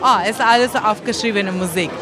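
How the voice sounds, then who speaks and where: A woman's voice: mid-range voice, brisk, crowd noise. Woman speaking careful second-language German. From Argentina. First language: Spanish. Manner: thoughtful, searching for words, non-native grammar. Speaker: composer and singer. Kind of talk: interview.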